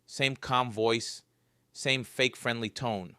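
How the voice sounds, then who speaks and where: A man's voice: mid-range voice, fairly even intonation, slow pace, clean tone, no room sound, studio quality. Wry man narrating a horror story. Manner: wry, joking storyteller with dark humor. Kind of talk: scripted first-person horror narration.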